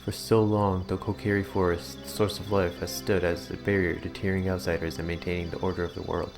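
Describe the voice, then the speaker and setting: A man reading aloud as an ancient guardian tree spirit, slow, solemn and old-fashioned. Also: sits low, flat delivery, music in the background. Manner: slow, archaic, grave.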